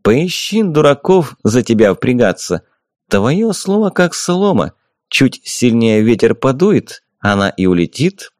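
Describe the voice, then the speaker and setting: A man's voice: medium pitch, big pitch swings, unhurried, darkish tone, no room sound. A man voicing a sensible, blunt monk who talks in a dry, curt way. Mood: scornful.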